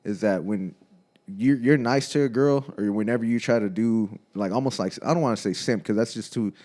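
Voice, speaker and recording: His voice is lowish with a darkish tone, and he talks a little fast. The man, in his thirties, co-hosts a podcast, chatting in a relaxed, slangy manner, laughing often and saying "bro" a lot.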